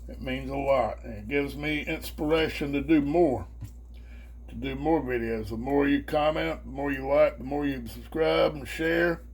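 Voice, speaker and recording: A man with a slightly rough, medium-pitched voice talks at a normal speed, hosting a homemade cooking demo for his home cooking video channel. He keeps it casual and folksy, full of y'all and homespun phrases. Faint background noise and hum sit under the recording.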